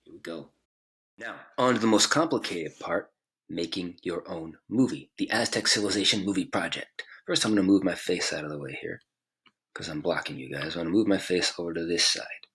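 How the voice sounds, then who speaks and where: A man's voice: low voice, a little fast, a bit bright, slightly rough. A male teacher giving a casual screen-recorded tutorial, talking through each click at a computer mic.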